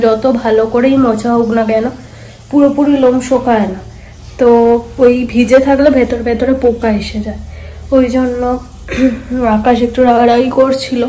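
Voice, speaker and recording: A woman from India with a Bengali accent chats casually in a daily vlog as she does chores at home in hot weather. Her voice is fairly high with a dark tone, and the echoey room has clear background noise.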